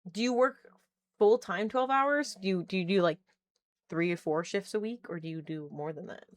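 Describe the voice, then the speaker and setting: A woman in her thirties, speaking at medium pitch and normal speed, hangs out on a live stream from home. While working on a keyboard indoors, she chats easily, laughs often and reads messages from chat aloud.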